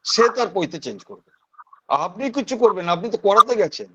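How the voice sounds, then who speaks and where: A man's voice: high voice, big pitch swings, quick pace, breathy edge, lo-fi sound. A man with a West Bengal accent teaching priestly rites in an online class. He explains step by step and repeats single sounds to show how they are pronounced.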